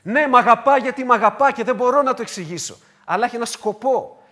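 A man preaching a sermon to his congregation, emphatic and repetitive, moving between loud declarations and hushed asides. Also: extremely high pitch. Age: adult with wife and children.

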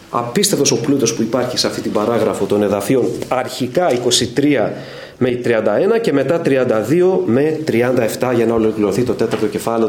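A man's voice: medium pitch, darkish tone, slight background noise. A middle-aged man preaching at a Bible study, telling stories with quoted dialogue and asking his listeners questions. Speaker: evangelical preacher. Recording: echoey room with faint ambience.

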